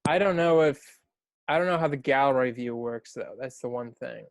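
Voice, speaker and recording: A man's voice: mid-range voice, moderate pace, gravelly, no echo. A man co-hosting a casual chat over a video call, swearing offhandedly and laughing often. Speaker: podcast co-host.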